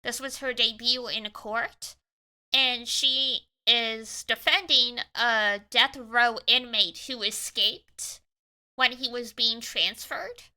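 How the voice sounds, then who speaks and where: Her voice fairly high, smooth and sharp-toned, a Canadian streamer chats animatedly and casually over a video game in a cute anime-girl style.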